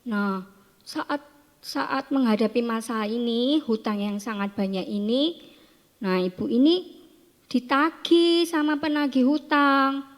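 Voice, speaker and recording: A woman teaching Sunday school, telling a Bible story to children in an animated way and asking them questions. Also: fairly high pitch, slow, in a large hall.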